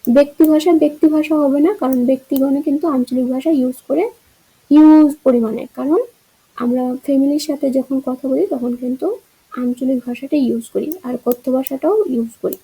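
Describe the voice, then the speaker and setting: Female teacher, high pitch, soft dark timbre, explains answers step by step. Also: fairly even intonation, a little fast, breathy edge, poor audio. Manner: explains answer choices, asks rhetorical checks. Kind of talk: exam-prep grammar lesson.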